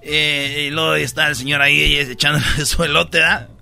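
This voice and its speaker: A man's voice: a little high, steady tone, normal speed, vocal fry, sharp tone, faint music behind. A male comedy radio host telling jokes, laughing often and acting out stuttering characters.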